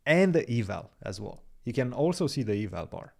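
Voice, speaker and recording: This young man, a native Romanian speaker, co-hosts a chess stream where he reads chat and thinks aloud about moves in casual conversation. His medium-pitched voice is creaky, swings widely in pitch, and moves fairly quickly.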